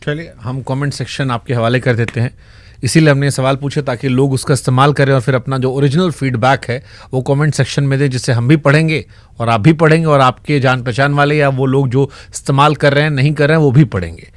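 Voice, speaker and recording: A man's voice: medium pitch, steady tone, a little fast, no room sound. A man interviewing a guest, pressing and rephrasing his questions.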